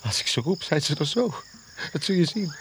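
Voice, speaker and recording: A feverish survivor of a plane crash rambles through the jungle in a radio play, as a man acts him out. His slightly high voice leaps all over the place. Loud noise sits behind him. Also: expressive, normal speed, close to an everyday voice. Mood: lost. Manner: distraught, feverish inner monologue. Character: dazed male plane crash survivor, frantic. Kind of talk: radio drama acting.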